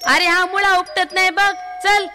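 A woman voicing an old village farmer husband who shouts for his family to help him. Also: extremely high pitch, little pitch movement, a little slow, over music, pitched above the performer's own voice. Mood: calling out. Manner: loud calling, commanding.

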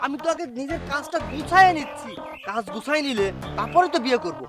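Brief: high-pitched, rapid, pompous village playboy played by a man, music behind. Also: lively intonation. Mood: evasive. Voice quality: loud, pompous and fast-talking. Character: boastful young village chairman's son, womanizer. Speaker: chairman's son. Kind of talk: village comedy drama acting.

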